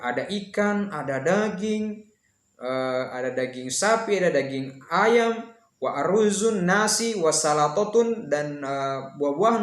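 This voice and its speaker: Male Arabic tutor, slightly high voice, reads slowly then explains, roomy echo. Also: a bit bright. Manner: reads Arabic lines slowly and clearly, explains in Indonesian with fillers. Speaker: Arabic teacher. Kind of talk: online Arabic lesson, reading dialogues and translating.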